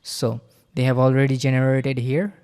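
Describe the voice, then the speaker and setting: A man giving a casual screen-recording tutorial, halting with many fillers and repeated okays. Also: medium pitch, flat delivery, darkish tone, clean tone. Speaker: software reviewer.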